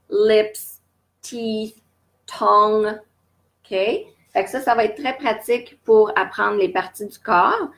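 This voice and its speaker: Slow, patient Québécois woman teaching English. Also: medium pitch. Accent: Québécois French. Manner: repeats each English word slowly several times for learners to copy; patient, step-by-step explaining with frequent fillers. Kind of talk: live online English lesson for beginners. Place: at home during lockdown.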